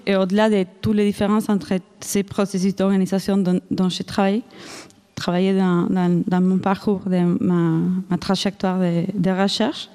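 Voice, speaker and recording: A woman from Argentina, a researcher, speaks at a conference in French as a second language with an Argentine Spanish accent. Her medium-pitched voice is clean and a little mellow, and her delivery is hesitant, with lots of fillers and restarts.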